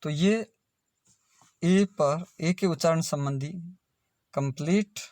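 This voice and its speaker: Male pronunciation tutor, fairly high voice, very slow and deliberate, spells each word out before saying it. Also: a little mellow, no echo. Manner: spells words letter by letter, then says them slowly. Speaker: English pronunciation teacher.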